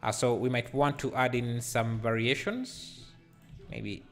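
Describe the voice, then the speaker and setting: Slow, hesitant man thinking aloud. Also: medium pitch, fairly even intonation, fairly bright tone, faint music behind. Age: 30s. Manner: hesitant, many fillers, thinking aloud while working. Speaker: livestreaming 3D artist. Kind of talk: casual live tutorial, reading chat aloud. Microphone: headset microphone.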